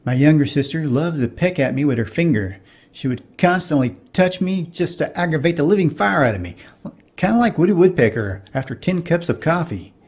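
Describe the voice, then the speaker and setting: A man's voice: a little high, lively intonation, brisk, darkish tone, slightly rough. A middle-aged man giving wry, nostalgic comedic narration for a cartoon.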